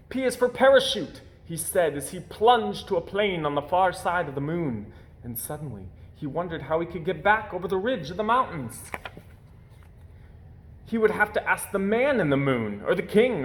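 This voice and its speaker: A man's voice, sitting high, carries an expressive reading of a children's picture book, with theatrical emphasis falling on the key words.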